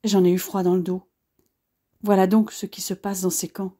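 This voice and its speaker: A woman reading a first-person audiobook in a measured, earnest storytelling manner. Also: mid-range voice, level tone, mellow. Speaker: audiobook narrator.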